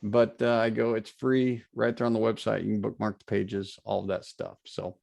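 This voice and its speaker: A man's voice: on the low side, level tone, moderate pace, vocal fry, darkish tone. Man, video call, webinar presenter, filler-heavy, earnest. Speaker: guest presenter.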